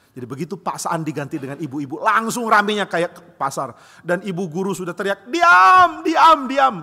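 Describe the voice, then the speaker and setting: A male pastor delivers a lively sermon full of jokes and little acted-out scenes. His voice is bright and sits a bit high. It carries with a long reverb through a church hall. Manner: animated, acts out quoted voices, jokes. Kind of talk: sermon with humorous storytelling.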